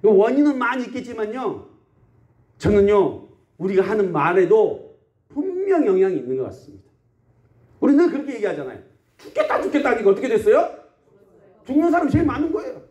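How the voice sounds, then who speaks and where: A man's voice: sits high, sing-song, fairly quick, pauses often, a little mellow, muffled recording. A male pastor preaching a Sunday sermon in a country church, asking the congregation questions and answering them himself, and acting out everyday complaints. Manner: acts out everyday complaints in quotes.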